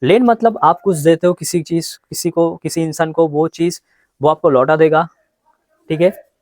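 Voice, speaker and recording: A man teaching a grammar lesson, explaining in Hindi and reading examples slowly. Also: fairly high pitch, steady tone, a little mellow, no echo. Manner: explains in Hindi, reads English examples slowly and repeats words. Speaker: English teacher.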